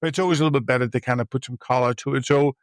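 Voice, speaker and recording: A man's voice: medium pitch, fairly even intonation, no echo. Earnest man, dry sound. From Netherlands. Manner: earnest and halting, with frequent restarts. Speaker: podcast guest, leadership coach and mentor. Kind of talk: reflective personal storytelling in a podcast interview.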